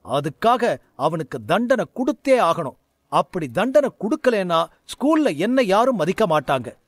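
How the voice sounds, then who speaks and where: A man's voice: high voice, sing-song, measured pace, no echo, full character voice. A proud, short-fused magic teacher, played by a man fires off indignant questions in a raised, swooping voice. The recording is dry and close, like a storybook audio narration. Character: arrogant, hot-tempered male magic teacher.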